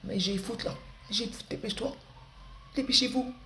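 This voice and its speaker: A woman's voice: a little high, moderate pace, fairly bright tone, pitched above the performer's own voice, close to an everyday voice. Woman doing a whiny, bossy teenager. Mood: impatient. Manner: demanding, whiny, slangy. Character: rude impatient teenager bossing parents around. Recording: echoey room with background noise.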